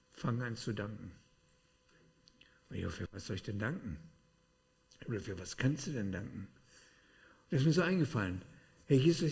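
Male preacher, sermon delivery, animated, loud-to-hushed swings. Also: medium pitch. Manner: animated, shifting between loud outbursts and hushed asides.

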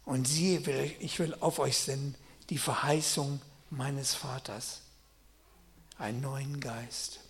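A middle-aged man preaching a sermon. He reads scripture quietly and tells his own stories loudly and with excitement. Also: medium pitch, takes it slowly. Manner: swings from quiet scripture reading to loud excited storytelling.

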